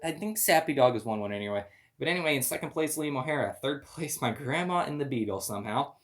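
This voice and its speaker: A man giving playful, excitable commentary on toy car races, with loud countdowns. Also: mid-range voice, fast. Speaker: race commentator.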